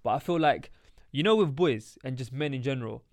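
A man's voice: medium pitch, expressive, a little fast, dry recording, clean studio sound. A young man with a London roadman accent and slangy street delivery, hosting a casual podcast chat. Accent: London, urban street slang (roadman). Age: young adult. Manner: slangy urban street way of talking. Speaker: podcast host.

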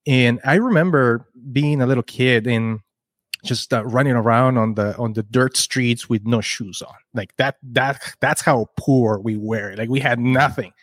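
A Chilean man whose first language is Spanish tells his story as an entrepreneur guesting on a podcast, in a casual interview. His medium-pitched voice is a little slow, recorded with clean studio sound and no room noise, and he comes across earnest and rambling, often restarting words.

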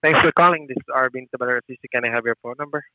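A man's voice: medium pitch, very fast, bright, forceful tone, no echo. A man working as a customer service agent on a call, polite and deferential. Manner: polite, deferential, often says sir. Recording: thin narrow phone line.

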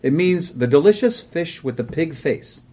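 A man's voice: fairly high pitch, animated, moderate pace, dark tone. A man co-hosting a casual podcast, telling a profane travel story and laughing often. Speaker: podcast co-host. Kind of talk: casual chat.

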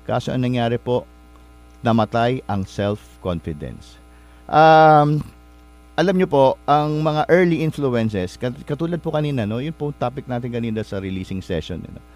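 A man's voice: medium pitch, expressive, moderate pace, darkish tone. Polite rambling male show host. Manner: polite, addresses listeners with respectful particles; rambling, searches for words and corrects himself. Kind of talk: motivational storytelling talk.

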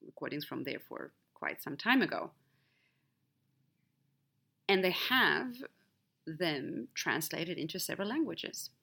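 Speaking English as a second language, with Swedish as her native tongue, a podcast host with a bright, slightly low-pitched voice recounts a personal story. It's a candid, reflective monologue marked by big shifts in emphasis.

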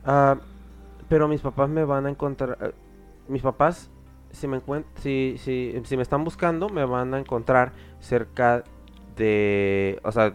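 A man with a Mexican accent quoting a lost, crying little boy in a soft, hesitant voice within a podcast story. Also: medium pitch, close to an everyday voice.

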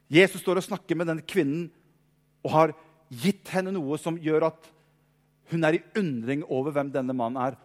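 A man with a high voice preaches a sermon. He tells the story with feeling, acting out voices and repeating words as he builds. His voice rings out with a long reverb, as in a large hall.

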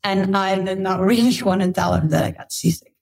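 A woman's voice: mid-range voice, fairly quick, vocal fry, darkish tone. A middle-aged woman from Belgium, a podcast guest, telling her travel story in a chatty way with laughs and restarts. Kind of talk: casual interview storytelling.

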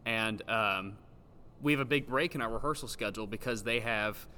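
A man's voice: on the low side, normal speed, bright, forceful tone. A man chatting casually as a guest with careful, hesitant phrasing, recorded in a large old gym with big-hall echo. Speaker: podcast guest, stage actor. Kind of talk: casual chat. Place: large old gymnasium used as a theater, indoors. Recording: roomy big-hall echo, background noise.

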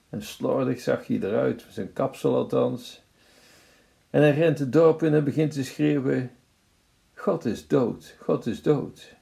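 Gravelly-voiced man preaching a sermon. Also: medium pitch, mellow. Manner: measured storytelling delivery, addressing listeners formally.

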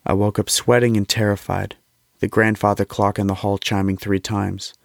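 A man's voice: on the low side, flat delivery, normal speed, creaky, no echo, studio quality. A man playing an earnest, haunted visionary in an audio drama, speaking with solemn intensity and formal diction. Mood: haunted, urgent. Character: earnest, haunted young male visionary, convinced of destiny.

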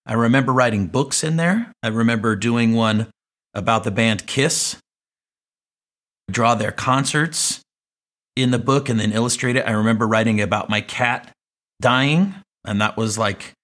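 A man's voice: mid-range voice, a little slow, fairly bright tone. A man in his late forties telling childhood stories as a podcast host, reflective and rambling with asides. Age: 40s. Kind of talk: personal storytelling monologue.

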